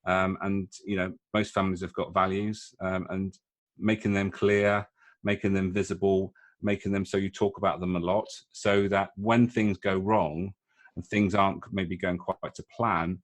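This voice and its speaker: Deep-voiced man, halting and thoughtful. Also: level tone. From United Kingdom. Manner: hesitant, many fillers and restarts. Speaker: guest, leadership coach. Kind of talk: casual interview talk.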